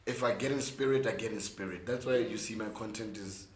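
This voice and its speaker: A young man with a South African accent and a hoarse, worn voice, chatting casually in an interview with emphatic, repeated words. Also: on the low side, fairly quick. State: hoarse from gigs the day before. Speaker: interview guest, content creator and musician. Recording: echoey room with faint background noise.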